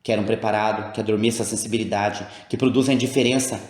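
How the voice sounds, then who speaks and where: A man's voice: fairly low pitch, fairly even intonation, fast talker, echoey room, natural voice. A man reading the part of a proud, anguished queen, in grand, old-fashioned formal speech. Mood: bitter.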